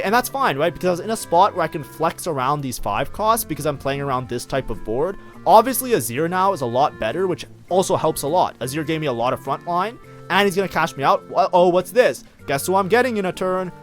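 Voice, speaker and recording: A man talks through his own match in a loose, chatty way, with plenty of fillers. His voice sits a little high and rises and falls in a lively, animated way. Faint music plays quietly under his commentary. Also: fairly quick. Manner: chatty, lots of fillers like "like, you know". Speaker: game streamer reviewing his own match. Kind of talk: casual gameplay commentary.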